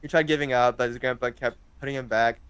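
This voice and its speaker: Young man, interview guest, rambling, fillers, smooth, dry. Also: medium pitch, steady tone, fast talker, a bit bright, no room sound. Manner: hesitant, rambling with many fillers. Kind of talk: casual interview chat.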